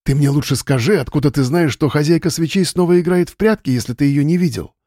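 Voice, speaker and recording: A man voicing a frightened young woman who speaks in a hoarse, breathy, hushed voice in an audiobook. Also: a little high, quick pace, no room sound, clean studio sound, natural voice. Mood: anxious.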